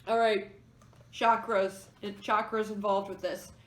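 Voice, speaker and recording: A woman's voice: medium pitch, level tone, unhurried, a bit bright. A woman giving a pick-a-card tarot reading, musing aloud as she explains each card. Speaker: tarot reader. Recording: echoey room.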